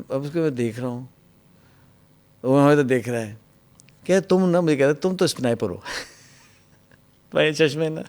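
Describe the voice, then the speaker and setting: Brief: male interview guest, mid-pitched voice, lively storyteller who voices an angry interrogator loud and his own replies hushed. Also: gravelly, smooth. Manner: drops to a hushed, low voice when quoting himself.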